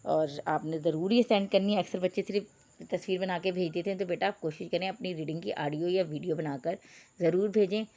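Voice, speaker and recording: A woman's voice: lowish voice, fairly quick, a little mellow. Patient woman teacher spelling out letters. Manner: addresses pupils as beta. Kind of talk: online reading lesson for young pupils.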